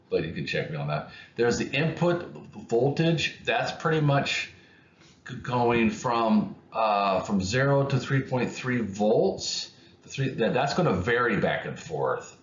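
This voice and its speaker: A man explaining electronics concepts in an unscripted lesson, speaking haltingly with many restarts and fillers. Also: lowish voice. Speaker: electronics educator. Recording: muffled, roomy, faint noise.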